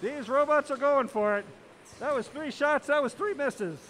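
A man calling a robotics match live as announcer, excitable and full of exclamations. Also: very high-pitched, normal speed, slight background noise. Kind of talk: live play-by-play commentary.

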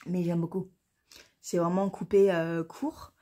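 Woman, 40s, knitting vlogger. Casual, chatty delivery, quick to laugh, vents with some swearing. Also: fairly low pitch, flat delivery, mellow. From France. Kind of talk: casual chat to camera.

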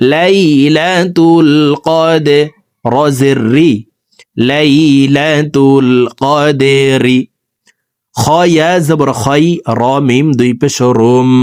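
A man teaching scripture reading who spells out each word, then chants it in a slow, drawn-out way between brisk explanations to his viewers. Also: on the high side, a little mellow, no room sound, studio quality. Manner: addresses viewers directly. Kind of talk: spelling-out recitation lesson.

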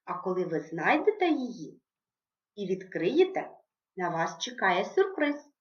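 A woman voicing an eager young female cartoon helper in a high, sing-song voice, guiding children through a writing task. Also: big pitch swings, unhurried. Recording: echoey room, dull lo-fi sound.

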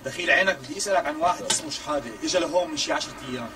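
A man's voice: on the high side, very animated, racing, crowd noise. An actor with a Syrian accent playing a persistent, coaxing man who makes ever bigger offers in a TV comedy. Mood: polite. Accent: Syrian Arabic. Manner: coaxing, wheedling, insistent. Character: smooth, pushy man bargaining hard. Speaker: persistent visitor. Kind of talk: TV comedy acting.

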